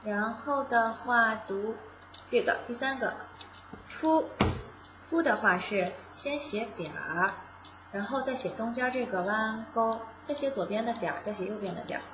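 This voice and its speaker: A woman's voice: a little high, unhurried, echoey room, highs cut off, noisy background. A woman from China teaching a casual beginner lesson, patiently explaining each step and repeating sounds aloud. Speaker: Japanese language teacher.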